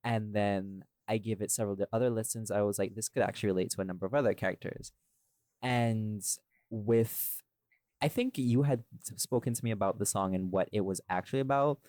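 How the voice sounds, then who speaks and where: A man who hosts podcasts and creates audio series chats casually in a fairly low, slightly mellow voice at a fairly quick pace. He rambles, thinks aloud, and often checks with "right?", and the recording is dry.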